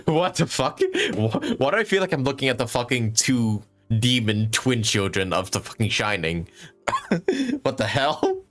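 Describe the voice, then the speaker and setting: A man's voice: medium pitch, huge pitch swings, a little slow, fairly bright tone. A young man live-streaming a game, reacting with jokes, laughter and swearing. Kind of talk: casual live-stream commentary.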